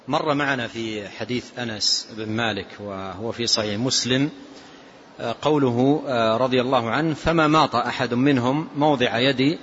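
A man's voice: mid-range voice, fairly bright tone. Man teaching a lesson, lo-fi recording. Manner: explains phrase by phrase, repeats, pauses with "aah" fillers. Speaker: scholar teaching a classical text. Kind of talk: lesson commentary. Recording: dull lo-fi recording with faint hiss.

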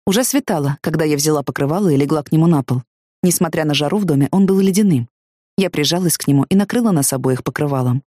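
Woman, audiobook narrator, first-person novel, expressive reading, low voice, dry close sound. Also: quick pace, no room sound. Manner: expressive, emotionally engaged reading.

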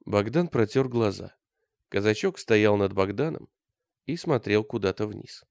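A man reads a novel aloud in a lively, rising and falling voice. His voice is gravelly, and the sound is close and dry. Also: on the low side, measured pace, no room sound. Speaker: audiobook narrator. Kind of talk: scripted narration.

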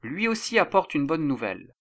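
A man's voice: on the high side, very animated, brisk, fairly bright tone, no room sound, studio quality. A man voicing a grieving old king who laments his son in a raised voice. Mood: anxious, regal.

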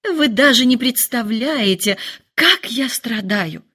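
An excitable, fretful mother bursts into high, gushing exclamations, as a woman reading aloud puts her on. Her pitch leaps widely from line to line in a storybook reading. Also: unhurried. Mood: excited.

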